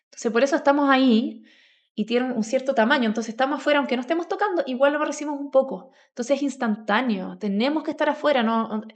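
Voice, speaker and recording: A Chilean woman, a grounding advocate appearing as a podcast guest, tells personal stories in a colloquial, conversational style full of asides. She has a high-pitched voice and talks fast.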